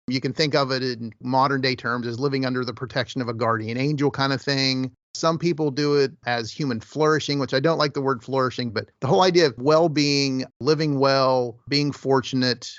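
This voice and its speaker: A man's voice: medium pitch, a bit bright, no echo. Thoughtful man explaining in a dry, muffled recording. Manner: thoughtful, explanatory, with verbal hedges. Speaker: podcast co-host. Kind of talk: casual discussion.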